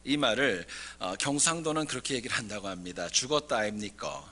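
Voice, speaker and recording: A man's voice: mid-range voice, animated, fast, bright, forceful tone. A male pastor giving a Sunday sermon in a church, mixing folksy jokes with scripture. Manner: folksy jokes with dialect impressions before scripture. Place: church sanctuary.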